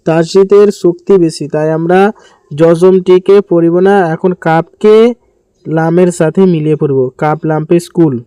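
High-voiced man teaching slow recitation. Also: warm tone, clean tone, no echo, low-quality recording. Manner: slow drawn-out chanting of verses between quick explanations; repeats syllables patiently for learners. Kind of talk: step-by-step recitation lesson.

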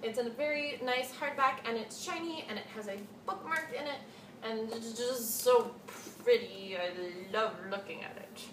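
Slightly high and fairly bright, a woman's voice moves at a moderate pace as she, a twenty-something book reviewer, chats to camera and gushes, repeating words for emphasis. She's indoors in a small cluttered room at home. The distant camera mic leaves the room echoey with a faint hiss.

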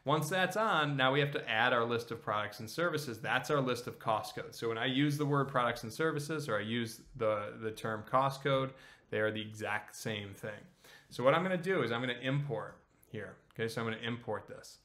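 A man in his thirties leads a screen-share tutorial in a bright, forceful voice at a middle pitch. He talks casually and explains each step, often pausing to ask "okay?". He sounds like a hands-on instructor speaking from a small room. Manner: casual, explanatory, frequent "okay?" check-ins. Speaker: accounting instructor.

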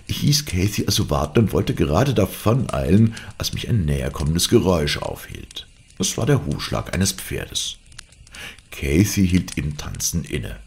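A man reading a classic novel aloud as an audiobook, in a measured, expressive way. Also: low-pitched, vocal fry, a little hiss or hum. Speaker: audiobook narrator.

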